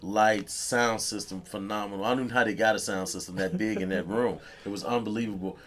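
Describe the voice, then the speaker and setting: A male radio host and DJ, chatting casually in an interview, effusive and quick to laugh. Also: on the low side, steady tone, slight background noise. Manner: effusive, laughs often, repeats praise.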